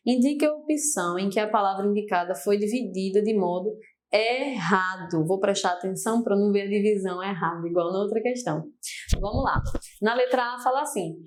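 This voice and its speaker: A young adult woman with a Brazilian accent teaching a grammar lesson for exam prep, explaining step by step and often turning to her students. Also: medium pitch. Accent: Brazilian Portuguese.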